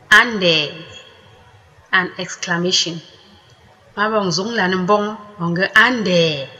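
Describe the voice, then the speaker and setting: A woman teaching a language lesson, saying each word slowly and deliberately and repeating it twice before explaining it. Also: fairly low pitch, bright, forceful tone. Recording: echoey room with long reverb.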